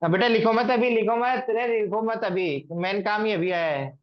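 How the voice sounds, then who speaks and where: A man's voice: sits high, normal speed, lo-fi sound. A man teaching maths to a class. He asks the students questions and repeats them often. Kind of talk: classroom lecture.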